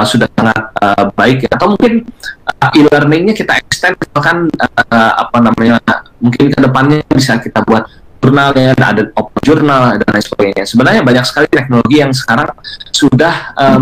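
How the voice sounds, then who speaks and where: A man presents a live online webinar from a video conference. He talks hesitantly, pausing on filler sounds, and keeps turning to address his audience politely. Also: medium pitch, fairly bright tone, low-quality recording.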